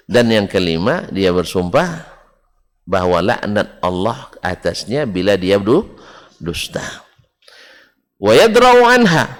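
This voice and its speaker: A man preaching a religious lecture to a congregation, often asking the audience if it is clear and chuckling along the way. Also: fairly low pitch. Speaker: Islamic preacher teaching a book study. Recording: long hall reverb.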